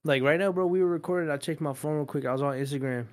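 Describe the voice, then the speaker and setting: A man's voice: fairly high pitch, racing, a little mellow. A young man in casual conversation, talking in profane, slangy frat-bro style. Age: young adult. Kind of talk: casual chat.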